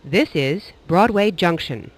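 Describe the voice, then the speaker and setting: Slow male transit announcer, lively intonation. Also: sits high. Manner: measured, formal public announcement delivery. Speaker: train announcer. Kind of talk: scripted transit announcement, like an airport announcement.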